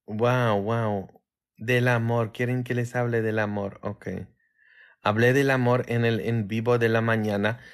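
A man from Poland with a Polish accent, a priest chatting casually with viewers on a livestream in a tired, low-key way. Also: flat delivery, measured pace, clear, resonant tone.

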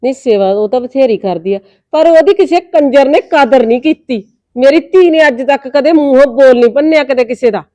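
An actress playing a feisty, sharp-tongued mother in a Punjabi short film, snapping back in a quarrel, with a Punjabi accent. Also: high-pitched, a little fast, no echo, close to an everyday voice. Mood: defensive. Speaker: mother of Reet.

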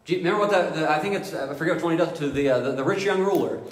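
A man's voice: on the high side, racing. A man preaching a sermon as pastor, emphatic and full of rhetorical questions. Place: church sanctuary. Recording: echoey hall reverb.

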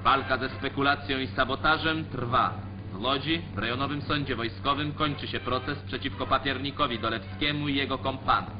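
A man's voice: medium pitch, normal speed, few pauses. Man narrating an old 1940s newsreel. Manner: formal, declamatory. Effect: old 1940s newsreel sound. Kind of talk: scripted newsreel commentary. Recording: dull lo-fi 1940s newsreel track. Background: music under the voice.

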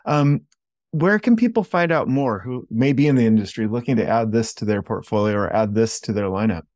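A man's voice: fairly low pitch, fairly quick, a little mellow, no room sound. Dry-voiced male podcast host. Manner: brief affirming backchannels and wrap-up questions. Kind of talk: interview host.

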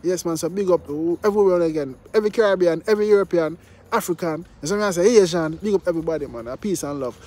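High-voiced man chatting in patois. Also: fast talker, warm tone. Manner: Jamaican-style patois phrasing, sings along. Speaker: song reviewer and vlogger. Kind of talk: casual song review chat. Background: music playing.

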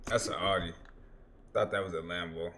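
A man's voice: sits low, fairly even intonation, normal speed, crowd noise. A young man reacting to a street video, making joking, teasing remarks into a gaming headset from a room at home. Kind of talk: reaction commentary.

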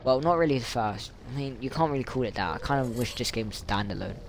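A man playing a video game, reacting with loud excited exclamations as he comments. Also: medium pitch, fast talker, noisy background. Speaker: gamer. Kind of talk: let's play commentary. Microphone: headphones, at home in the dark.

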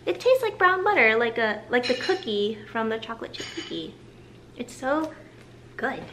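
Upbeat woman doing a grocery haul vlog at home, high voice, roomy sound. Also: a bit bright. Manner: chatty, upbeat, lingers on some words. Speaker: vlogger. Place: living room at home, indoors. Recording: roomy home audio with background hiss.

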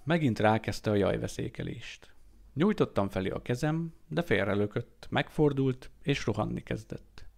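A man reading an audiobook aloud in a steady, measured way. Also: medium pitch, gravelly. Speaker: audiobook reader. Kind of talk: amateur audiobook narration.

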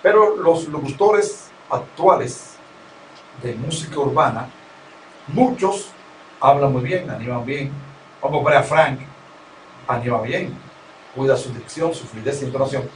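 A man's voice: medium pitch, a little slow, pauses often, a little hiss or hum. A man with a Dominican accent, an experienced radio broadcaster giving an interview, talking in an emphatic, lecturing way and repeating his key points. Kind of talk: conversational interview, instructive. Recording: roomy, distant mic.

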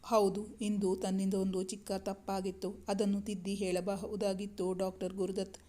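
A woman narrating a romance story in a steady, even reading style. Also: mid-range voice, moderate pace.

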